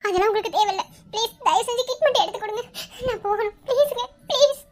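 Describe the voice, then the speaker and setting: A woman's voice: extremely high pitch, fast talker. A woman voicing an anxious, secretive young college girl in a Tamil cartoon love story, teasing her friend one moment and pleading the next. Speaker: lead character in an animated love story.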